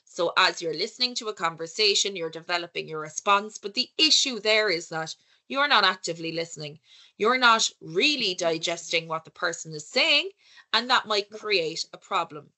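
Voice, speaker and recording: A woman's voice: fairly low pitch, animated, moderate pace, bright, forceful tone. A woman with an Irish accent giving a conversational conference talk, asking rhetorical questions and correcting herself as she goes. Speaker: workshop speaker.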